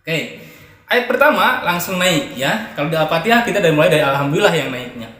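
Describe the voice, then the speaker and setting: A man teaching Quran recitation, switching between quick, soft explanations and drawn-out, melodic chanted verses. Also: a little high, expressive, reverberant, in a large hall. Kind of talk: Quran recitation tutorial, sung examples.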